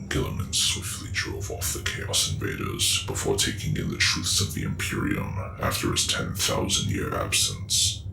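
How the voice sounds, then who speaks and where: An extremely deep, heavily creaking man narrates lore as a whispered role-play in the manner of a gruff space marine. His delivery is solemn, measured and very flat. Music plays clearly behind him. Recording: echoey, with music underneath.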